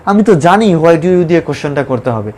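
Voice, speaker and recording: A man teaching a spoken English lesson online, talking emphatically and repeating himself, then slowly spelling out English example sentences. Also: a little high, expressive, darkish tone, a little hiss or hum.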